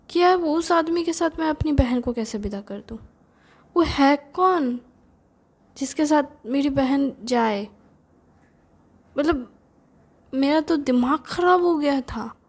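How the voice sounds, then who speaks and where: Slow, high-voiced woman telling a story. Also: expressive, darkish tone. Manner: chatty, confiding, with many fillers. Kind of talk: casual first-person storytelling.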